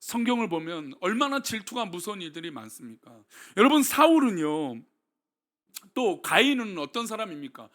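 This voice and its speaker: Pastor guy preaching a sermon, really high and bright voice, asks the church lots of questions. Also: moderate pace. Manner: preaching with rhetorical questions to the congregation; lively, swings between soft and loud delivery. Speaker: senior pastor.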